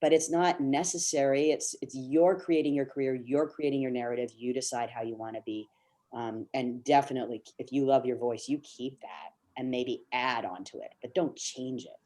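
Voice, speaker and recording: A man's voice: mid-range voice, fairly even intonation, moderate pace, warm tone. A man, a casting director, answering questions in a chatty, thoughtful webinar Q&A with many restarts, heard over a video call.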